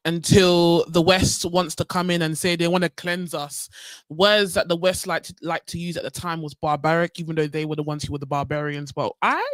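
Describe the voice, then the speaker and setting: A woman's voice: lowish voice, no echo. A young woman from North London with a London accent, hosting a casual live history talk, chatty and full of ums and asides to her viewers. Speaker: livestream host.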